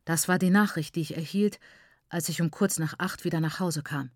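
A woman reading an audiobook, voicing a solemn elder uncle who speaks in a measured, grave way, recorded dry. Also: lowish voice, fairly even intonation, dry recording, lightly acted.

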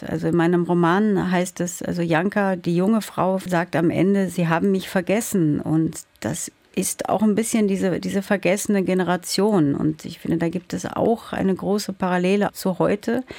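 A woman's voice: on the low side, vocal fry, mellow, no room sound. A woman novelist who grew up in the Soviet Union, answering in a thoughtful, searching way with some hesitations in a radio interview. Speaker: novelist guest.

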